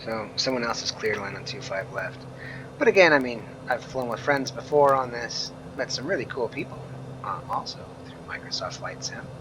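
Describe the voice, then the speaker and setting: A man's voice: mid-range voice, expressive, moderate pace. A man giving casual, rambling flight simulator commentary, thinking aloud as he plays. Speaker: flight simulator streamer and reviewer. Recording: clear engine drone and noise.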